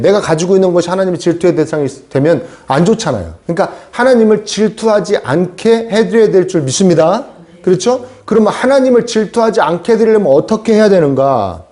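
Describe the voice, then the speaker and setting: A male pastor giving a lively sermon. He keeps asking the congregation questions and acts out the voices he quotes. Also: high-pitched.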